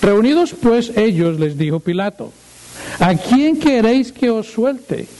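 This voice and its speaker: A male pastor reading scripture aloud in a sermon and praying, slow and solemn, lifting his voice for quoted speech. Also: sits high, big pitch swings, dark tone, low-quality recording. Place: church.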